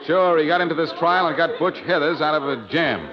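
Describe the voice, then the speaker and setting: An actor playing a wisecracking adult male detective in 1940s radio acting style on an old radio show, brisk, confident and wry. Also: fairly high pitch, a crowd in the background. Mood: determined. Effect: old radio show broadcast. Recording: dull old radio broadcast.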